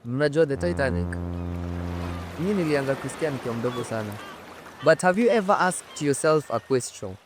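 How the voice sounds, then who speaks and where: Over some background noise, a Kenyan-accented male host tells stories to camera on a studio set, animated, conversational and emphatic, often repeating phrases and raising rhetorical questions. He speaks briskly in a high-leaning voice with lively intonation.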